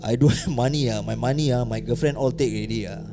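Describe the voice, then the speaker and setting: A man with a Singaporean accent voicing a chatty, pushy stranger who scrounges cigarettes, in halting colloquial English full of "ah" tags, as a comic podcast impression. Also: medium pitch, over music, pitched below the performer's own voice, close to an everyday voice. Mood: rambling excuse.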